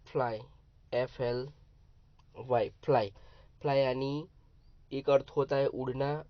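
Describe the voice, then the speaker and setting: A man teaching young pupils new words, spelling each one letter by letter and then explaining it slowly and patiently. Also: medium pitch. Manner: slow, patient, repetitive. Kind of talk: vocabulary lesson for young pupils. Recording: dull, dry lo-fi sound.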